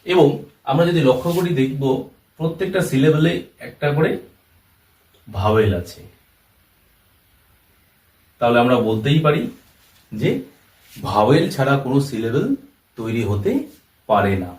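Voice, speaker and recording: A man's voice: medium pitch, animated, a little slow, long pauses, a little mellow. A man explaining a language lesson step by step, repeating each term and example. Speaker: English teacher. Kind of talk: classroom-style lesson explanation. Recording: roomy echo, voice from far off the mic.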